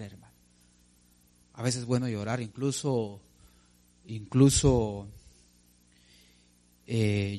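A male preacher in full sermon mode, speaking at an ordinary middle pitch. He presses his points with emphasis and keeps turning to the congregation with direct questions, addressing them as brother. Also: darkish tone.

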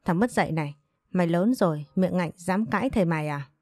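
Hot-tempered older father, shouting and scolding, slightly low and dark, read by a woman. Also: animated, fast, no room sound, studio quality, faint music behind. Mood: furious.

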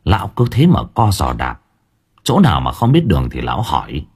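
A man narrating a ghost story in an expressive, dramatic way. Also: extremely low pitch, a little fast, slightly rough. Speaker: audiobook narrator.

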